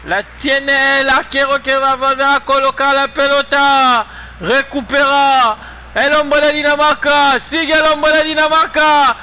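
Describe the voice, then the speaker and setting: Very high-pitched, excitable male football goal commentator. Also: measured pace. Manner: excitable, shouting repeated goal calls. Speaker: football commentator of a video game match. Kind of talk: excited play-by-play football commentary with long, drawn-out goal shouts.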